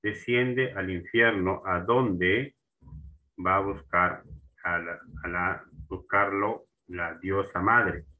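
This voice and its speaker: A man's voice: low-pitched, fairly even intonation, sharp tone, low-quality recording. A man teaching a grammar lesson, repeating terms and checking in with his students as he goes. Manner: slow and repetitive, restarting words and asking for agreement.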